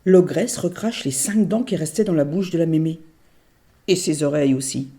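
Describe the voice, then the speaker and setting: A woman storyteller telling a children's tale in an animated, playful way. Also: low-pitched, moderate pace.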